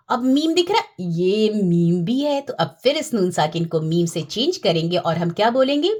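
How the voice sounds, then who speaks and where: A woman teaching Quran recitation rules, repeating key terms, checking in with her listeners and drawing out recited words slowly. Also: a little high. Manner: slows down and draws out recited Arabic words. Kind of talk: tajweed lesson.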